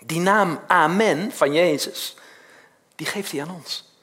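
A man's voice: a little high, slow, a bit bright. A man preaching a sermon, emphatic and full of rhetorical questions with a frequent "hè?", drawing out the key words.

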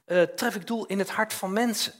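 A man's voice: sits high, normal speed, fairly bright tone. An older man preaching a chatty, informal sermon, often tagging questions onto his sentences and acting out little scenes.

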